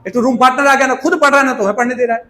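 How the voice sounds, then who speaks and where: A man teaches chemistry in a lively, playful way, constantly quizzing his students. His voice sits very high, and the room around him rings with echo. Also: very fast. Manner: chatty, asks students questions, playful. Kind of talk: lively classroom lecture with everyday examples.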